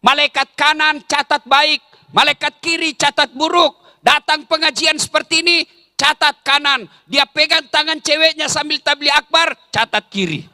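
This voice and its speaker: In a clean studio-sounding recording with no echo, an Islamic preacher's extremely high, pushed, and bright voice moves at normal speed. He teases and jokes with a big religious crowd during a funny sermon, leading it in chanting.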